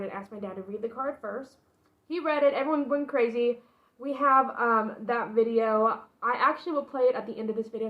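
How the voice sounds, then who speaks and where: A woman's voice: fairly high pitch, muffled recording. A young adult woman vlogging casually about her pregnancy announcement, telling the story in a rambling, informal way with frequent asides. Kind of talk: casual personal storytelling to camera.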